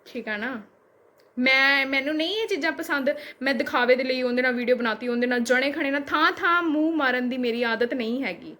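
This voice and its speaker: A woman's voice: high voice, brisk, a bit bright. A young woman with a Punjabi accent, a vlogger firing back at a critic with repeated rhetorical questions. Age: young adult. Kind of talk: reply video rant.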